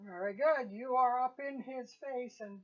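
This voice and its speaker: A woman narrating a tabletop game as game master, relaxed and laughing easily. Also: high-pitched, measured pace, highs cut off.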